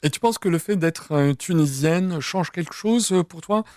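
A man's voice: on the high side, moderate pace, a little mellow, no echo, clean studio sound. A man interviewing a singer, asking long, rambling, chatty questions. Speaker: radio interviewer.

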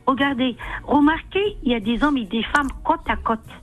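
A woman's voice: high voice, normal speed, fairly bright tone. A woman caller with an Algerian Arabic accent, speaking broken French and often switching into dialectal Arabic on a radio phone-in. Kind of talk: casual talk on a call-in show. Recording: narrow tinny phone line, music behind.

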